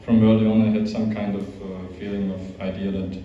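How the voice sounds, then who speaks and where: A young Austrian monk with an Austrian accent speaks as a guest to a youth group, informally and hesitantly, with many fillers and restarts. His lowish voice is flat and brisk, captured with slight background noise in a large echoey hall that makes the recording sound distant and dull.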